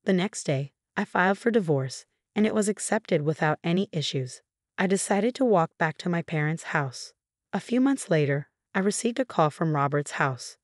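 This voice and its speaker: A woman's voice: lowish voice, lively intonation, normal speed, dry recording, studio quality. Woman narrating a revenge story. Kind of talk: scripted first-person story narration.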